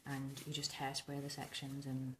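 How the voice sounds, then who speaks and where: Her voice monotone and husky, a woman in her thirties rambles casually at normal speed through a hairstyling tutorial for her vintage-style channel. Tonsillitis recovery makes it hoarse, smoky and rumbling. The small indoor bedroom sounds roomy, and the background is noisy.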